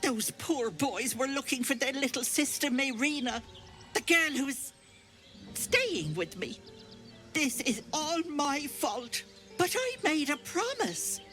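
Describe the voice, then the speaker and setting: A woman's voice: high-pitched, sing-song, slow, pushed and bright, soft background music, full character voice. A woman playing a doting, cloying old hag posing as a kindly auntie in a video game, folksy and bossy. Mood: sorrowful. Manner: folksy, cloying endearments, turning sternly bossy. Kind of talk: video game character acting.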